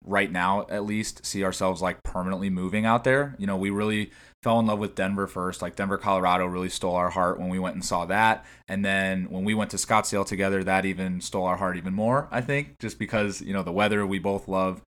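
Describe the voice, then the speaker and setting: Man in his twenties, very low voice, relaxed podcast co-host, lots of "you know". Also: brisk. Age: 20s. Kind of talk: casual podcast chat.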